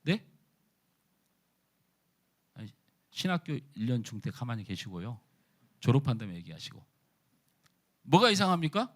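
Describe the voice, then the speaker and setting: Animated male pastor preaching a sermon. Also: mid-range voice, normal speed, pauses often. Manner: asks the congregation questions and teases them. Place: church.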